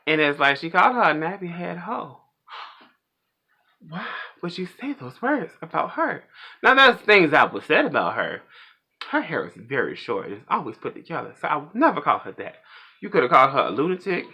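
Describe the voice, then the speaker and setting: A man's voice: a little high, sing-song, normal speed, vocal fry, sharp tone, husky. Guy doing a chatty pop culture rant, voice jumps all over, super opinionated. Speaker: pop culture vlog host.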